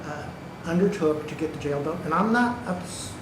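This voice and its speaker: A fairly high-pitched man with lively intonation speaks at a moderate pace, offering public comment at a county meeting. He insists on his points and keeps checking in with "okay" and "right." The county government meeting room sounds like an echoey hall, with some background noise.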